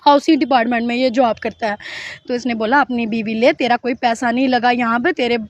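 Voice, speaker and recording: High-voiced woman pleading her case. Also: steady tone, a little fast, no echo. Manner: earnest and pleading, often acts out others' words. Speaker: interviewee telling her account. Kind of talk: emotional personal testimony. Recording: dull, dry lo-fi recording.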